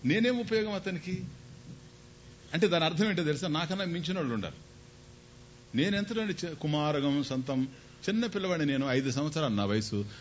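A man delivers a spiritual discourse, his pitch rising and falling in an animated way as he tells a scriptural story and asks his listeners questions. The recording sounds a little dull and carries a faint low rumble behind him. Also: fast talker. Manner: animated storytelling, voicing figures, rhetorical questions. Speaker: spiritual lecturer.

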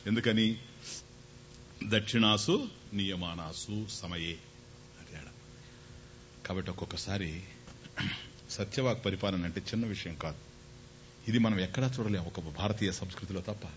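A man's voice: moderate pace, long pauses. A man giving a spiritual discourse on scripture, telling the story with rhetorical questions and briefly acting out the figures. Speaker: spiritual lecturer. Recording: slightly dull recording with faint rumble.

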